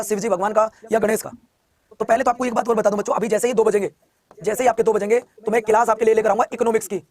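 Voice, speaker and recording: A man with a strikingly high voice teaches a live online exam class at a breakneck clip. He rattles off each question several times and keeps coaxing his students to answer quickly. His carries a flavor. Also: darkish tone. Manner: rapid, repeats questions, coaxes students to answer.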